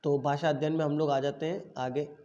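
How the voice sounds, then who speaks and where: Guy teaching an online class, kinda high voice, slow careful dictation, dull lo-fi sound. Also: little pitch movement, dark tone. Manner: slow deliberate dictation of answers.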